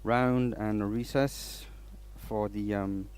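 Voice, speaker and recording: The Danish host of this easygoing woodturning livestream talks slowly in a lowish, steady voice that's darkish, clear, and resonant. While working, he chats, rambles, and restarts his sentences as he greets those tuning in.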